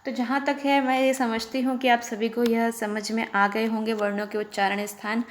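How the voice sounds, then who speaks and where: A woman's voice: fairly high pitch, little pitch movement, slight background noise. Woman patiently teaching a Sanskrit lesson. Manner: slow, drawn-out recitation of sutras; explains patiently, often checking with "theek hai". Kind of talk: online lesson.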